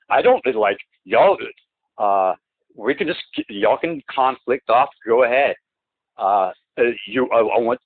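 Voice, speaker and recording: A man's low voice comes through a tinny, narrow phone line with a dry, close sound. He rambles and stumbles, restarting phrases and repeating words, and he presses his points insistently. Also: no room sound. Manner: insistent, emphatic complaints. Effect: heard through a phone line. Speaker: client on a phone call. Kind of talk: phone conversation.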